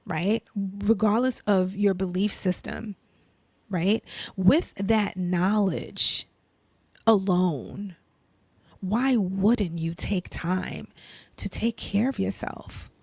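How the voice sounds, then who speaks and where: A faith and lifestyle speaker, a woman with a Brooklyn accent, gives a casual inspirational talk full of rhetorical questions and check-ins like "right?" and "you know," at times sinking to a soft near-whisper. Her husky, medium-pitched voice moves extremely slowly, with no room sound.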